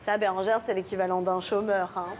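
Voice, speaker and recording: A woman's voice: medium pitch, flat delivery, fairly quick, heavy background noise, voice pushed down, close to an everyday voice. A woman voicing her own disapproving mother, delivering dry, matter-of-fact reproaches. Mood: reproachful. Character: disapproving mother scolding her grown daughter.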